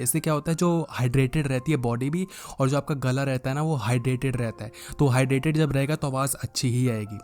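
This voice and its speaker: A young man giving voice tips in a casual tutorial, talking in a put-on presenter voice and humming deep om sounds to demonstrate. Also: darkish tone. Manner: talks in a put-on presenter voice, drawing out key words. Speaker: voice coach vlogger.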